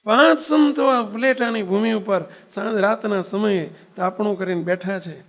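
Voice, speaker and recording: A man's voice: sits high, normal speed. A man preaching, telling a story in an emphatic sermon manner and throwing rhetorical questions at his listeners. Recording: long hall reverb.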